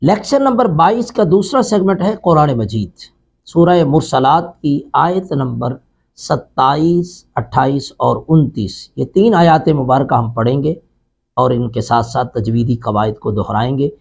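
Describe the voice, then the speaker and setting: A man's voice: mid-range voice, animated, gravelly, darkish tone, breathy edge. Male Quran teacher, patient step-by-step explainer, repeats each sound many times. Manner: explains tongue and teeth positions step by step. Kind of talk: online pronunciation lesson.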